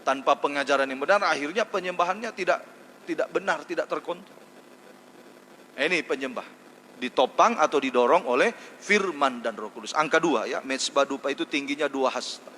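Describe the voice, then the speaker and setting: A male pastor preaching with emphasis and repeating his key phrases. His voice is bright and forceful and sits a little high for a man. It rings out in a hall with a long reverb and a faint hiss. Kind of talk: sermon. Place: church hall.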